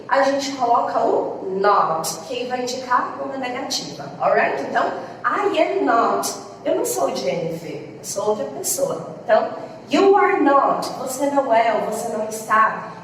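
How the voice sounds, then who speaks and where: A woman with a Brazilian Portuguese accent explaining grammar as an English teacher. She talks patiently, slows down to model example phrases and checks in with her students as she goes. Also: fairly high pitch, very animated, slight background noise. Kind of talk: explaining grammar in a class lesson. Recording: echoey room, voice from a distance.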